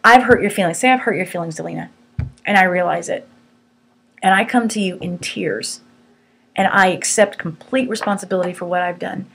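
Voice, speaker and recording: Earnest woman teaching, slightly husky. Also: lowish voice, brisk. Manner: earnest, firm and conversational. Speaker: Bible teacher. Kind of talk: teaching a small group.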